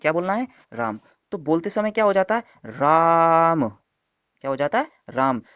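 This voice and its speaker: A man teaches an online exam-prep lesson step by step, posing questions and answering them himself. His voice sits high, swings widely in pitch, and moves fast. The recording is dry with no room sound, dull and lo-fi.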